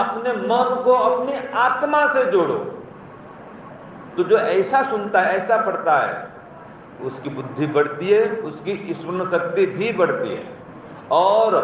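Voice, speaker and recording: A man's voice: sits high, a bit bright, slight background noise. A man giving a moral talk to school students, teacherly and repetitive, quizzing and praising them as he goes. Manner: teacherly, questions and praises students, repeats points. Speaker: speaker addressing school students. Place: school hall or classroom. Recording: very echoey, distant, muffled room recording.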